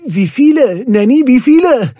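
A man's voice: very high-pitched, sing-song, normal speed, no echo, clean studio sound, pitched above the performer's own voice, full character voice. A man voicing a cheerful, proud young dog owner in a storybook audiobook, full of enthusiasm. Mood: overjoyed. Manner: enthusiastic and warm.

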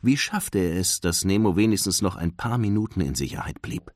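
A man reading a children's storybook aloud in an expressive, lilting way. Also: low-pitched, a little fast, no room sound, studio quality.

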